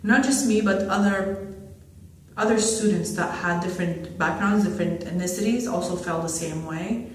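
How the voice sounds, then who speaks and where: A man's voice: high voice, moderate pace. A man from Syria telling his life story in an oral history interview. He speaks earnestly, with frequent fillers and restarts. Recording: echoey room, mic far off.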